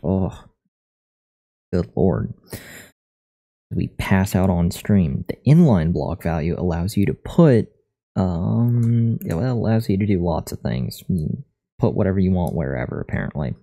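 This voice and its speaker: A man's voice: low voice, animated, a little slow, creaky, dark tone. A man streaming live while learning to code, reading lesson text aloud and adding joking asides. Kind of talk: casual live-stream commentary.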